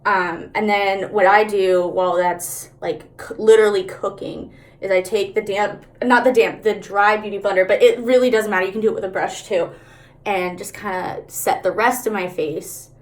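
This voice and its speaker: A woman's voice: mid-range voice, steady tone, normal speed. A woman chatting casually through a makeup tutorial, candid, slangy and sweary, talking out of the side of her mouth.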